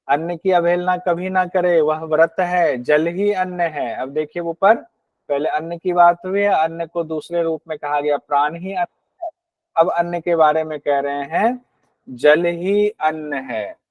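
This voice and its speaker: A man's voice: a little high, dry recording, highs cut off. A man teaching a Hindi lecture on scripture, explaining verses and asking and answering his own questions. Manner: acts out rude and grudging hosts in quoted asides.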